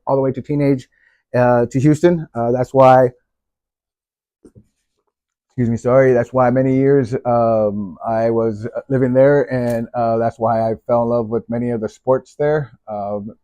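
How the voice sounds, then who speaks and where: A middle-aged Texan man opens a casual faith-based vlog, rambling along with lots of fillers and restarts. His mid-range voice has a warm tone, and the recording is dry, dull and lo-fi.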